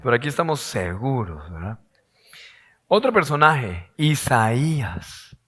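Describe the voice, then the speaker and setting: A man preaching a sermon as pastor, his voice hoarse, asking rhetorical questions and acting out quoted voices. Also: mid-range voice, very animated, slow, a bit bright.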